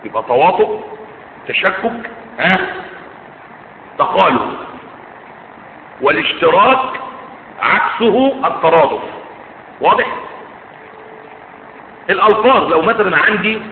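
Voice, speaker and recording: A man's voice: sits high, big pitch swings, gravelly, a little hiss or hum. A man with an Egyptian accent gives a religious lesson in a large hall, breaking off constantly to quiz his listeners with short check questions. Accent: Egyptian Arabic. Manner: keeps quizzing listeners with quick check questions. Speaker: religious teacher. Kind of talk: classroom lecture. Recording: tinny phone-like sound in an echoey hall.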